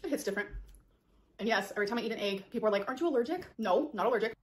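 The vlogger from the reacted video, a woman in her thirties in her home kitchen, chatters to viewers very fast and animatedly during a casual cooking and eating vlog. Her voice is fairly high, with slight background noise.

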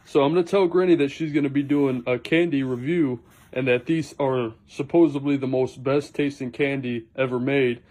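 A man's voice: medium pitch, fairly even intonation, normal speed, hardly any pauses, darkish tone. A man chatting casually as he films pranks on his grandmother at home with a phone. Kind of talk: casual prank vlog chat. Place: indoors in a home. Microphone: phone he is holding while filming.

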